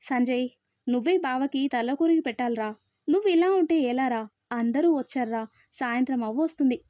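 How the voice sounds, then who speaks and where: A grieving, protective aunt from a storybook, as a woman narrator reads her. The voice is high and somber. The recording sounds dry and slightly dull. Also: normal speed, dry recording, natural voice.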